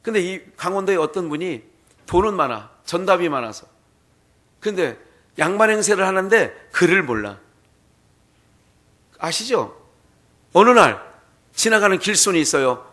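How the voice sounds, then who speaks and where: A male pastor delivers a sermon in a church and tells a folk tale in an animated way. His voice is high and bright, and he often puts questions to the congregation. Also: normal speed, long pauses. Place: church sanctuary.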